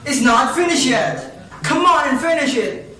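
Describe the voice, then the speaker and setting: A man's voice: very high-pitched, lively intonation, a little slow, recorded from a distance, voice pushed up, full character voice. A man doing a desperate prince barking orders. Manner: shouted commands. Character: desperate male prince shouting orders at fleeing genies. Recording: very echoey room, voice from afar.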